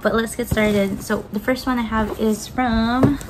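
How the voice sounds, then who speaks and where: Talking to a camera on the table before her, a young woman from the Philippines unboxes plants in her kitchen, upbeat and gushing as she handles them. She speaks at a measured pace in a slightly high, fairly even voice, with background noise present.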